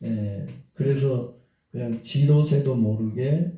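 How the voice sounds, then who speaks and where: A man recounts his life story in an earnest, unhurried way, with many fillers between his thoughts. His voice is dark and mellow. It echoes heavily and sounds set back from the mic. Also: mid-range voice. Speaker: interview guest. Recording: echoey room, voice from a distance.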